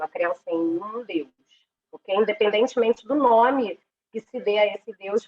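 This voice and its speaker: A woman's voice: mid-range voice, lo-fi sound. A woman with a Brazilian accent giving an online class lecture over a headset mic whose sound is distorted and clipping, often checking in with her listeners as she explains. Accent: Brazilian Portuguese. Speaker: religious studies teacher.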